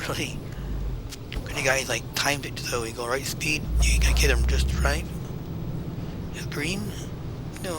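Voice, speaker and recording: Buzzy-voiced man over loud engine noise. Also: mid-range voice. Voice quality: buzzy, forward voice. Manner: rambling, half talking to himself. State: slightly unwell. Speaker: gaming video host. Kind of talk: casual let's play commentary. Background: driving game engine and road sound.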